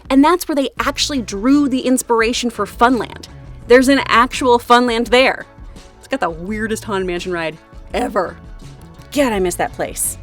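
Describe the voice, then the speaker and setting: A woman's voice: a little high, fairly bright tone. A woman with a twangy Texan accent hosting a scripted explainer, chatty and playful with casual asides. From Texas, USA. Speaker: video host.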